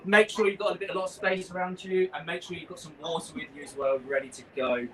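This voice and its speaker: This man has a high-pitched voice and a quick, steady delivery as he runs a warm-up class, cheerfully encouraging people through live exercises. A crowd can be heard behind him, the room is noisy, and the mic sits far away.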